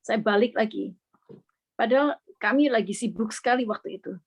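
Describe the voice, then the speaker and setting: A woman's voice: fairly high pitch, moderate pace, creaky, breathy edge. A middle-aged woman from Indonesia earnestly sharing a personal faith testimony, slipping English words into her speech.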